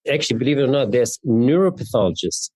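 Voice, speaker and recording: Fast and sing-song, a mid-range male voice, a little mellow and husky, answers conversationally with no echo. He's in his fifties, from East Berlin, Germany, with a German accent, appearing as an interview guest who works as a neurologist and genetics researcher.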